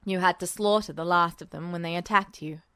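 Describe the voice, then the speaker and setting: For a podfic, a woman reads a story aloud and voices a smug, unflappable male military officer, pitching her fairly low voice below her natural one. She sounds brisk, clear and resonant with no echo, her delivery dry, teasing, unruffled and calmly commanding.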